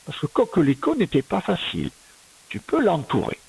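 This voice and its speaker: A primary school teacher records a reading and spelling lesson for a young child, slowly and patiently dictating words one syllable at a time, step by step. Her voice is on the low side, husky and a little mellow, with huge pitch swings and vocal fry, and the audio is poor.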